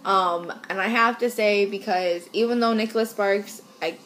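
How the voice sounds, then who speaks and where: A woman's voice: mid-range voice, moderate pace, slight background noise. A young woman chatting casually about books, telling stories with lots of giggling. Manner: giggly, animated storytelling. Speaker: co-host. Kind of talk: casual chat.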